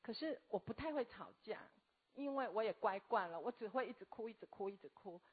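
A woman, telling a personal story earnestly and haltingly as a guest. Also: medium pitch, expressive, breathy edge. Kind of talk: personal testimony. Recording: tinny phone-like audio.

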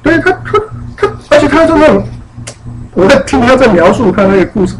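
A man's voice: very high-pitched, fairly quick, heavy background noise. A man giving a casual lecture, telling anecdotes and acting out the voices of people in his stories. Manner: animated, acts out quoted voices in stories. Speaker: lecturer on spiritual teachings.

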